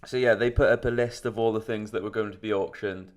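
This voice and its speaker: A man's voice: on the low side, steady tone, quick pace. Rambling young man chatting. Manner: rambling, swears, laughs often. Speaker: podcast co-host. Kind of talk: casual chat.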